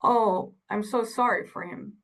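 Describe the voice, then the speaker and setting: A woman's voice: fairly high pitch, unhurried, a bit bright, rough recording. A woman from the Netherlands, a panelist and researcher, sharing personal reflections in an open, lightly hesitant way. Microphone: video call.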